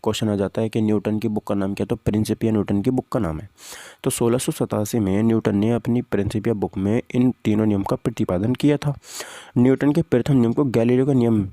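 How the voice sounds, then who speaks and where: This man's voice sits on the low side, steady and warm, moving a little fast with clean studio sound and no echo. He's running an informal physics exam-prep class, walking through questions and answers. He speaks conversationally, repeating points and putting questions to his students.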